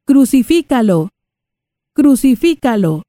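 A woman reading the part of an angry crowd of accusers, in high, loud, insistent calls. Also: sing-song, unhurried, no room sound. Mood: demanding.

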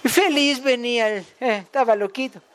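A man's voice: very high voice, normal speed, fairly bright tone. A man with a Guatemalan accent preaching a folksy sermon in a chatty way, telling stories, joking and asking the congregation questions. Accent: Guatemalan Spanish. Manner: chatty, jokes with the congregation, asks them questions.

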